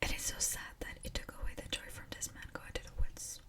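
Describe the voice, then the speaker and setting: A woman whispers in a breathy, unvoiced ASMR style, as a storyteller reading aloud with casual asides. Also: fairly quick, recorded from a distance.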